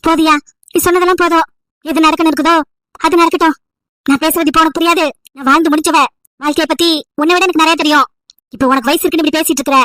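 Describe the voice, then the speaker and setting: A woman's voice: high-pitched, a bit bright, no echo, clean studio sound. A woman voicing a nagging, emotional old village grandmother over 70 who scolds and pleads at length. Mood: scolding. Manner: scolding, pleading, wailing complaints.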